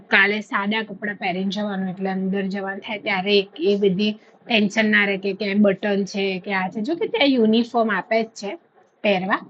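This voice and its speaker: A woman's voice: mid-range voice, highs cut off. A woman, chatting casually to camera in a storytelling way. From India. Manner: chatty storytelling, animated when retelling. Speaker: vlogger.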